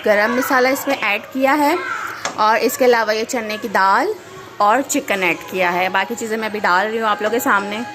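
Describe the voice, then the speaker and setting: Chatty young woman vlogging at home. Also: a little high. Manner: chatty, laughs often, mixes English into Hindi. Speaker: vlogger and mother. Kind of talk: casual home vlog chat. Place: home kitchen. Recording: noisy home recording.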